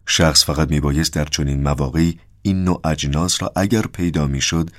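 A man reading a novel aloud as an audiobook narrator, in an even, measured way. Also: very deep voice, no echo, clean studio sound.

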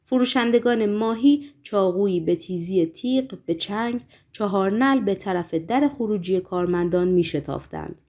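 A woman's voice: medium pitch, darkish tone. Woman narrating a story expressively. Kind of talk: audiobook narration.

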